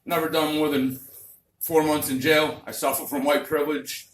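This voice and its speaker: A man's voice: fairly high pitch, flat delivery, moderate pace. A man doing a crude, vulgar, rambling stand-up comedy set on a club stage. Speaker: stand-up comic. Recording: roomy club, distant mic, faint noise.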